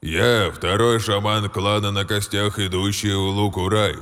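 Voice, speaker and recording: A man voicing a stern aged orc shaman who speaks in slow, ceremonial pronouncements. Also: lowish voice, fairly even intonation, fairly bright tone, smooth, big-room sound. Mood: solemn.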